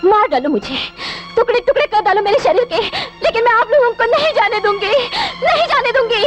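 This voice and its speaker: A tearful pleading sister. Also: female voice, very high voice, expressive, brisk, loud music behind the voice. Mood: anguished. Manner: desperate pleading. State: crying. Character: young village woman, orphan, pleading sister. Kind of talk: 1980s film acting.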